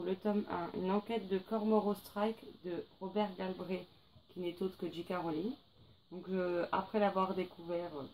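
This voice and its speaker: Chatty young woman with a mellow voice. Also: on the low side, a little hiss or hum, low-quality recording. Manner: chatty, hesitant, many fillers. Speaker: book vlogger. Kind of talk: casual book haul vlog.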